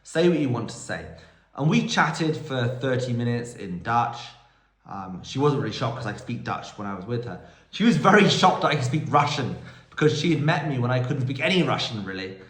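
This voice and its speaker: A man's voice: medium pitch, sing-song, fairly quick, fairly bright tone. Male host, casual Q&A monologue, chatty storyteller, phone audio with room echo. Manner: chatty, rambling storytelling with quoted dialogue. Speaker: vlog host answering viewer questions. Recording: roomy echo.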